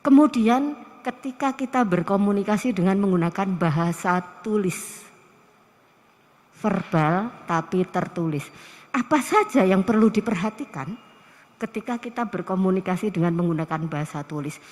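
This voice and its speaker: Woman, middle-aged, Javanese accent, university lecturer, lively lecture, rhetorical questions, long hall reverb. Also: mid-range voice, moderate pace. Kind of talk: classroom lecture.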